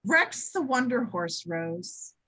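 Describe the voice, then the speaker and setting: A woman reading a dry, sardonic schoolteacher with a husky voice in an amateur sitcom table read. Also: fairly high pitch, slow, heavily acted. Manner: dry, deadpan.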